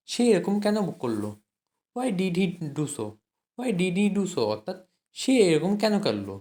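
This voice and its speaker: A woman with a Bengali accent teaching spoken English, saying each phrase slowly and then giving its meaning in Bengali. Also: fairly low pitch, warm tone. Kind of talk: language lesson, phrase then translation.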